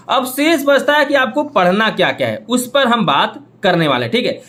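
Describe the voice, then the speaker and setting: A young man with a notably high voice walks students through an exam syllabus. He keeps repeating himself and checking in with the viewers as friends. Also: a bit bright. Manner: repetitive, addresses viewers as friends, frequent checking fillers. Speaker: teacher.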